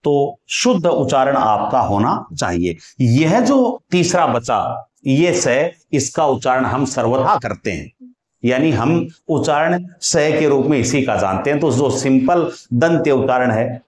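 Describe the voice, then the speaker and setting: A man teaching a lesson on Hindi consonants, asking questions and repeating sounds slowly for his students. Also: medium pitch, animated, reverberant. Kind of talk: explanatory grammar lesson.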